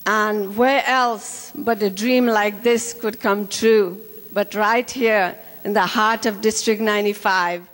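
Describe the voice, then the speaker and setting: A woman from Nepal, a state house candidate, delivers a formal, gracious debate closing statement on a handheld mic in a large indoor community hall. Her voice is fairly high and a bit bright, with long hall reverb.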